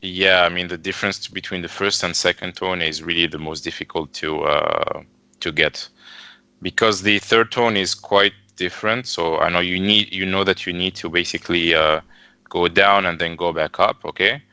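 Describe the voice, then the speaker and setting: A man in a beginner language lesson on a video call, his voice very deep, bright and crisp. He speaks slowly and earnestly, working through his thoughts out loud, with a dry, close sound. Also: fairly even intonation, dry recording. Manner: earnest, thinks aloud with fillers. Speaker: student. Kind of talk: casual lesson talk.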